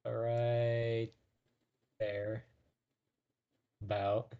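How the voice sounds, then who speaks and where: A man's voice: mid-range voice, flat delivery, drawn-out words, phone-quality sound. A man playing a tabletop role-playing game, talking casually through his moves. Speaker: player in a tabletop RPG.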